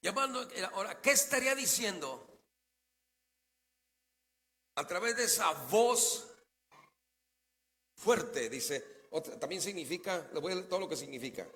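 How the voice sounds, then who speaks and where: A pastor preaches in a high, bright, tense voice, firing rhetorical questions at his congregation and answering them himself. He drops to quiet asides and then rises to loud declarations. The sound rings with the long reverb of a church hall. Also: lively intonation, measured pace, long pauses. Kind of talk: sermon. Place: church sanctuary.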